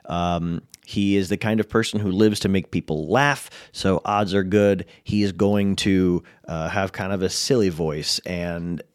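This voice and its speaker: A man's voice: low-pitched, fairly even intonation, a little slow, few pauses, smooth, dry recording, studio quality. A man with an American accent hosting a podcast, giving casual advice to game masters, laid-back with frequent chuckles and restarts.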